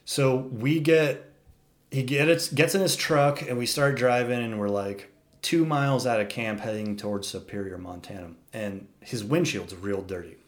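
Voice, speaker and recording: Animated young man telling a wild story. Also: mid-range voice, measured pace. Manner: animated, profane, says "dude" a lot, acts out quotes. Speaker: storyteller guest. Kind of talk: casual storytelling.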